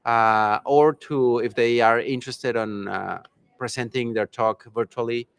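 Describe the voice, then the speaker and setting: A man's voice: medium pitch, steady tone, unhurried, gravelly, clean tone. Upbeat man interviewing a guest. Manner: upbeat, promotional, playful. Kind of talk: casual conference interview.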